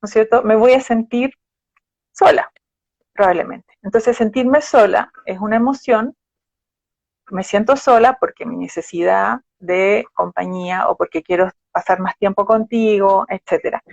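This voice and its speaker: A woman's voice: mid-range voice, moderate pace, creaky, no echo. Patient woman psychologist explaining. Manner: patient, explanatory, gives examples with quoted phrases. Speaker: psychologist guest. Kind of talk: explaining in a live conversation. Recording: dull, dry live-stream audio.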